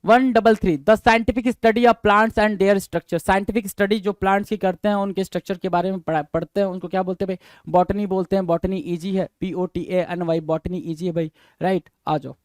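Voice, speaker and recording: High-voiced man teaching vocabulary. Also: steady tone, moderate pace, no echo. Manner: addresses listeners as "bhai". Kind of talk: exam-prep vocabulary lesson.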